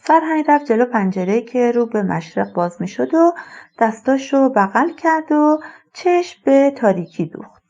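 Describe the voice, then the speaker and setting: A woman reading a short story aloud as an audiobook narrator, in an even, measured way. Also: fairly high pitch, lo-fi sound. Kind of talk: scripted narration.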